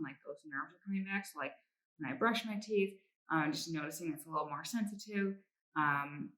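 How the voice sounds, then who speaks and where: A woman's voice: on the low side, a bit bright, rough recording. A woman vlogger giving a casual personal update in a reflective, somewhat hesitant way.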